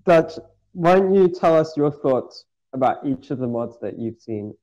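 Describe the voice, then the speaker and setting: A man's voice: on the high side, lively intonation, a little slow, a little mellow, muffled recording. Easygoing man hosting a chat. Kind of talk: casual chat.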